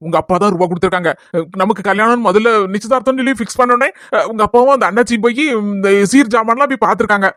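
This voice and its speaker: A gentle young husband coaxes and reassures his bride at a brisk pace, as a woman voices him. The Kanyakumari Tamil accent and lowered cartoon voice sound dry and close to the mic. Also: no echo, close to an everyday voice. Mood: coaxing. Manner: coaxing, reassuring. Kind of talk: cartoon voice acting.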